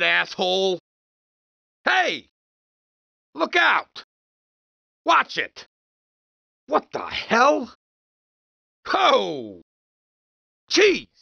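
An actor playing an angry, unhinged, burnt-out city taxi driver in a video game, cursing and exasperated. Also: male voice, high voice, vocal fry, pushed and bright, no room sound, heavily acted. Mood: alarmed, irritated. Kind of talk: video game character barks. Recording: dull, lo-fi game audio.

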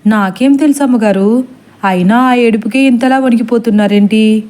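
Woman voicing drowsy maidservant, placating, dismissive, high, mellow, storybook. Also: moderate pace, lightly acted. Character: sleepy, dismissive middle-aged maidservant.

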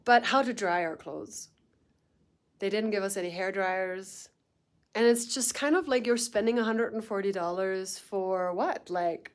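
A woman in her thirties, a thru-hiking vlogger, talking casually to her phone camera in a small wood-paneled motel room, a bit complaining and quick to laugh. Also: medium pitch. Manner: chatty, mildly complaining, laughs often. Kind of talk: casual vlog talk to camera. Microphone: phone camera at arm's length.

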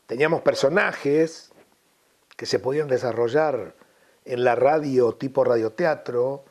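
A middle-aged man with a Rioplatense Spanish accent, chatting in an interview and reminiscing about his years in radio with lively storytelling. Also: medium pitch, measured pace. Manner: storytelling, reminiscing, slips into old-radio announcer voices. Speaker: radio host guest. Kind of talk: casual interview chat.

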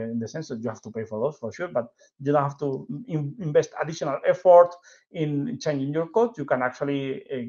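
This Spanish-accented man from southern Spain, in his forties, halts his way through an informal tech presentation, often tacking on checking tags. His voice is a bit high with a darkish tone, and the webcam recording sounds dull and lo-fi.

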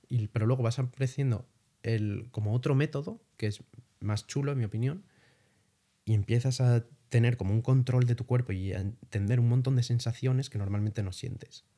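A young man from Spain, telling his travel experiences as a guest in a casual interview, swearing lightly as he goes. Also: mid-range voice. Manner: animated storytelling with casual swearing.

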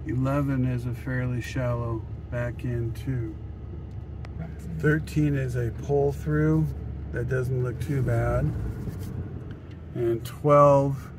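A travel vlogger in his fifties narrates a casual campground tour from a moving vehicle, in a plain, matter-of-fact way. His medium-pitched voice is steady and slow, with frequent pauses, and faint car noise sits in the background.

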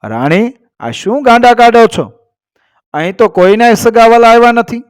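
A man's voice: high voice, lively intonation, moderate pace, clean tone, no echo, studio quality, pitched above the performer's own voice. A man voicing a king of old who protests, baffled and exasperated. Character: bewildered old-time king.

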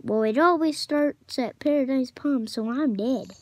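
A young woman chatting casually while playing a video game, excitable and chatty, shouting at opponents now and then. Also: high voice, unhurried, background noise. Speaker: gamer. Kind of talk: casual gameplay commentary.

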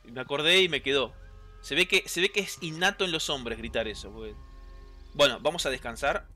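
A man with a Rioplatense Spanish accent giving chatty, excitable gameplay commentary, reading game lines aloud and answering chat. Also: medium pitch, brisk, faint music behind. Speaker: gameplay streamer.

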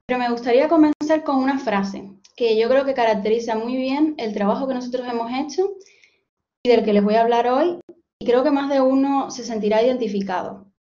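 A woman in her thirties from Cuba, with a Cuban Spanish accent, speaks in a fairly high, mellow voice at a brisk pace. She is a postdoctoral researcher giving an online seminar from home as a guest lecturer, sharing her own story in a friendly, personal way. The video call audio is dull and lo-fi.

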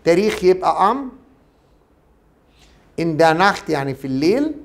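A middle-aged teacher with an Egyptian Arabic accent, talking quickly through a video lesson. He keeps a brisk, chatty pace and often asks questions only to answer them himself. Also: fairly high pitch, big pitch swings, creaky. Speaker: German language teacher. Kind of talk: classroom video lecture.

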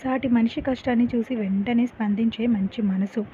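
A woman's voice: fairly high pitch, steady tone, normal speed, warm tone. A woman narrating a story in the first person, chatty, with conversational asides to the listener. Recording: phone-like lo-fi with faint hiss.

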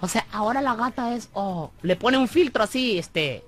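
A woman's voice: fairly high pitch, expressive, normal speed, faint music behind. A young Salvadoran woman hosting a comic radio monologue, teasing and sassy, calling the listener amor and bebé. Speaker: radio comedy host.

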